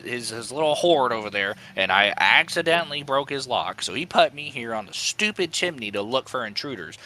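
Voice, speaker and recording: A man's voice: fairly low pitch, pushed and bright, a little hiss or hum. A man voicing a scheming young male goblin lookout who is crude, pushy and foul-mouthed. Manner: wheedling, foul-mouthed, talks fast in bursts. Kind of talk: tabletop role-play.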